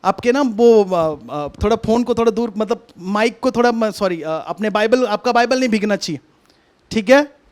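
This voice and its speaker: Very high-pitched male preacher. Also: moderate pace. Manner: conversational, coaxing, repeats instructions. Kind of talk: online sermon with a hands-on demonstration. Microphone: video call.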